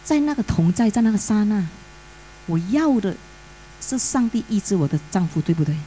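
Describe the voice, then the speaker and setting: A woman's voice: medium pitch, sing-song, moderate pace, mellow, low-quality recording. Woman, testimony speaker in church, hesitant, code-switching into English, faint hum behind. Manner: mixes English words into Mandarin, many fillers. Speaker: pastor's widow giving testimony.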